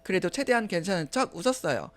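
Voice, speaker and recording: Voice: mid-range voice, big pitch swings, fast talker. A storyteller retelling a creepy story from an online post in a casual, conversational way.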